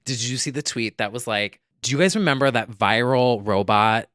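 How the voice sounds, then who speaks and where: A man co-hosting a casual pop culture podcast, talking excitably and emphatically, with lots of "like" and swearing. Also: medium pitch, normal speed, clear, resonant tone, no room sound, studio quality. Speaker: podcast co-host.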